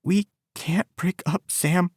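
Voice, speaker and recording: A woman's voice: on the low side, slow pace, darkish tone, husky, no echo, clean studio sound, voice pushed up. A male audiobook narrator voicing a whiny, melodramatic teenage girl who pleads tearfully. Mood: pleading.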